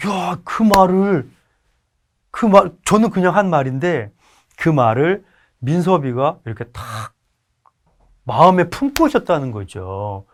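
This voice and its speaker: A middle-aged man lecturing to older people, with an animated, storytelling delivery. His voice sits a little high for a man and swings widely in pitch. He keeps asking his listeners questions and acts out bits of dialogue. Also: unhurried, pauses often. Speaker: lecturer at a senior college. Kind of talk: mind lecture for elderly listeners.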